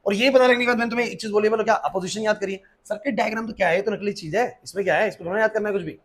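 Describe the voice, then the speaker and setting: A man teaching physics to a class, firing quick questions at the students and answering them himself, with English terms mixed into his talk. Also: high voice. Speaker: physics tutor. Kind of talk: classroom lecture.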